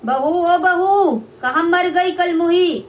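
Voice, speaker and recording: A young woman voicing a harsh, greedy older mother-in-law in a puppet play, shrill and scolding. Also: steady tone, moderate pace, fairly bright tone.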